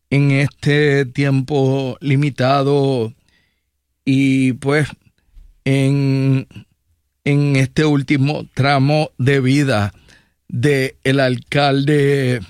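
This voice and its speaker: A man's voice: medium pitch, little pitch movement, extremely slow, darkish tone, clean tone, no echo, studio quality. A man hosting an interview, asking probing questions formally. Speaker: interview host. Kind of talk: radio interview.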